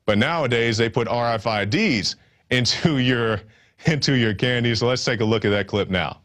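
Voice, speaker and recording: A man's voice: mid-range voice, moderate pace, background noise. A man hosting a nightly news show, talking loosely with joking asides and restarts. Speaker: news host. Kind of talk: casual news commentary.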